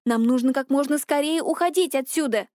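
A woman voicing a stubborn, sharp-tongued teenage girl who speaks insistently. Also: high voice, fairly quick, dry recording, clean studio sound, natural voice.

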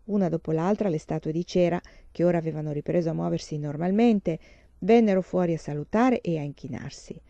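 A woman reading a children's novel aloud, in a measured, steady narration. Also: lowish voice, creaky, dry recording. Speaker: reader. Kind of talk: audiobook narration. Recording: dull lo-fi recording.

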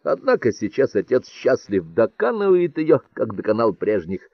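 A man's voice: medium pitch, very animated, normal speed, no room sound, highs cut off. A man reading an audiobook, voicing a sardonic young prince with a raised, mocking voice. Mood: wry. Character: sardonic young prince, merry yet gloomy.

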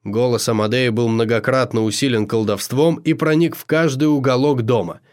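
Man, audiobook narrator, scripted narration, measured, expressive, mid-pitched.

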